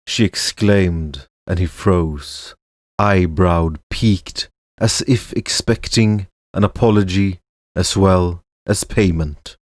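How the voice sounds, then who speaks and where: A man tells a fantasy storybook tale in a very deep voice, taking his time with each line. His delivery stays measured and even. The recording is dry and close. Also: no echo. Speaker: narrator and voice actor.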